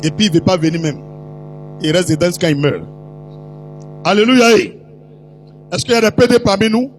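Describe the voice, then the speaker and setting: A man's voice: high-pitched, animated, fast talker, slight background noise, low-quality recording. A man with an Ivorian French accent preaching a sermon, chatty and teasing as he talks straight to the congregation. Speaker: prophet preaching. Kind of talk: sermon storytelling.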